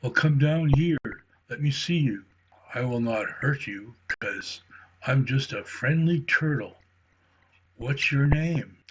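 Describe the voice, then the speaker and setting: A man voicing a calm, friendly male turtle who speaks slowly and deeply, in a bedtime story. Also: dull audio, background noise. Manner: slow, deep, unhurried.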